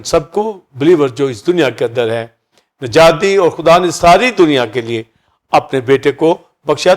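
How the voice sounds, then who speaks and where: A pastor preaches a sermon, explaining key words by listing several meanings for each. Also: male voice, fairly high pitch. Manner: teaching, repeats synonyms for each key word.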